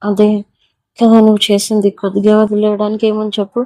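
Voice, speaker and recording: A woman's voice: mid-range voice, completely flat delivery, a little fast, mellow, no room sound, lightly acted. A woman voicing a domineering, vengeful young man who taunts and threatens his former lover in an audio story. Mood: taunting.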